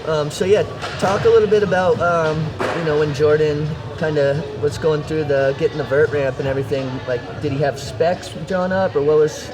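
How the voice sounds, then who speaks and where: Slightly high-voiced easygoing male interviewer. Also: steady tone, normal speed, hardly any pauses, noisy background. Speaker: host, interviewer. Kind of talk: casual chat. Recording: music playing behind the voice.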